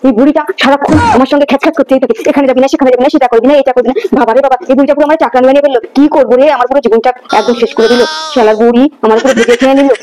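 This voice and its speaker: A woman's voice: sits high, fairly even intonation, very fast, hardly any pauses, dark tone. A woman playing a complaining daughter-in-law in a comedy skit.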